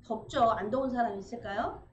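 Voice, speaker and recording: A woman's voice: on the high side, a little fast. A woman pastor preaching a sermon in a church, acting out cries and quotes and laughing through a story. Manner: animated, acts out cries and quotes, laughs as she tells a story. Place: church sanctuary. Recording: echoey church room, slightly dull sound with faint noise.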